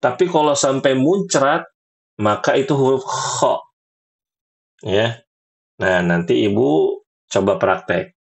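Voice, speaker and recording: A man teaching Quran pronunciation in a relaxed, chatty way, slowly sounding out letters again and again. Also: medium pitch, creaky. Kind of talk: relaxed teaching talk to women.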